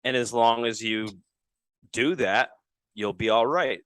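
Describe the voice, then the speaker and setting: A man's voice: mid-range voice, a little slow, fairly bright tone, smooth, no echo. A man co-hosting a casual podcast, telling rambling stories with wry sarcasm. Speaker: podcast co-host. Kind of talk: casual chat.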